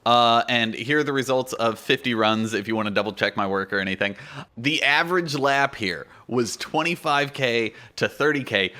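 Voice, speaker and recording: Male gaming YouTuber, twenties: crisp-edged bright delivery, mid pitch, informal explainer, conversational with punchy emphasis, close-miked. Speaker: YouTube gaming guide host. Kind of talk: informal explanatory video commentary. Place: small indoor home studio. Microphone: close microphone on boom arm.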